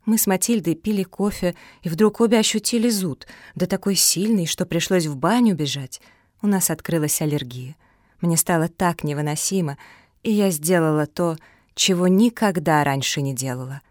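A woman voicing a kind, calm female elder in an audiobook for children, speaking gently. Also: sits low, moderate pace, no echo, studio quality, lightly acted. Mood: rueful.

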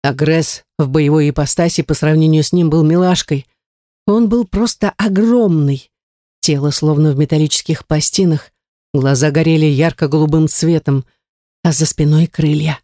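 A woman narrating a first-person story in a lively, wry way. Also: deep voice, normal speed, dry recording, studio quality. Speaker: audiobook narrator.

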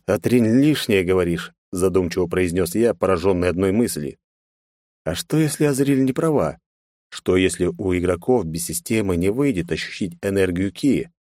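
A man narrating a first-person fantasy story in an even, storytelling manner. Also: sits low, moderate pace, no room sound, clean studio sound. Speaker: audiobook narrator.

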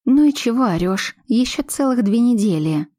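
Woman doing a feisty pregnant young woman, bossy and playful, higher voice, dry close sound. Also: expressive, normal speed, dry recording. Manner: sharp-tongued, bossy and playful.

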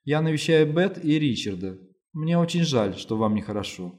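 Brief: male reader as a soft-spoken, composed man, gentle, audiobook. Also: fairly high pitch, lively intonation, moderate pace, voice pushed up, lightly acted. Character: calm, gentle rich man, a friend. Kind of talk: audiobook reading.

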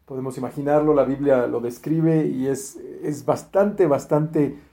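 A man preaching a sermon, retelling a Bible story in a lively way and acting out the quoted speech, with frequent fillers and restarts. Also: mid-range voice, a little slow, gravelly, reverberant.

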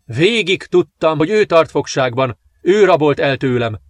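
A man's voice: on the high side, expressive, no echo, pitched above the performer's own voice, close to an everyday voice. A man voicing a triumphant young prince, eager and joyful, in a storybook reading.

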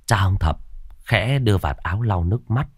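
A man narrating a scripted horror story with expressive storytelling. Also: lowish voice, normal speed, breathy edge, no room sound, studio quality.

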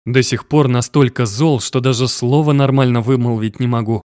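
Brief: male audiobook narrator, mid pitch, slow measured reading, dry close mic. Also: fairly even intonation, darkish tone, clean tone, dry recording. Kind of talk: first-person audiobook narration.

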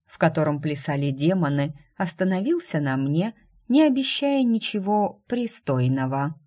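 A woman's voice: low voice, darkish tone. A woman narrating a first-person fantasy audiobook with wry, ironic storytelling.

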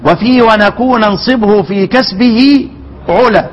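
A man with an Egyptian accent teaching the readings of a recitation poem, repeating words slowly and quizzing his listeners. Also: high voice, muffled recording, a little hiss or hum. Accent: Egyptian Arabic. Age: older. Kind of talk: explaining a recitation poem line by line.

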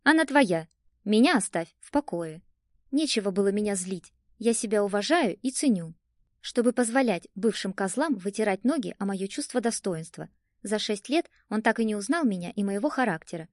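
A woman narrating a first-person audiobook in a lively, expressive storytelling manner. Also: mid-range voice, brisk, no echo, studio quality.

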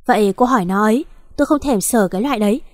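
A woman voicing a crude, dismissive husband who talks fast and coarsely. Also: sits high, no room sound, studio quality, lightly acted. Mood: scornful. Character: crude defensive husband, adult man.

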